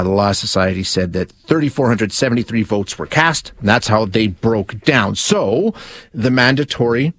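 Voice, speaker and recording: A man's voice: medium pitch, no echo. A man hosting a news segment, reading the story steadily and then putting casual questions to a guest. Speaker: radio interview host. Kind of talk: news report and interview.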